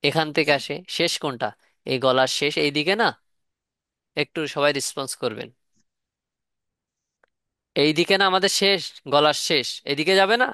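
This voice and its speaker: A man's voice: a little high, normal speed, pauses often, bright, forceful tone, smooth, dry recording, studio quality. A man teaching Quran letter pronunciation in a live online class, repeating questions and asking students to respond.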